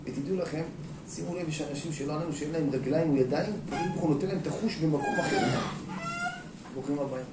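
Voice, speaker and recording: A rabbi giving a lively sermon to an audience in a hall, shifting between talking and acting out quotes, calling out to the listeners. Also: male voice, on the high side, background noise. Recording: echoey room, mic at a distance.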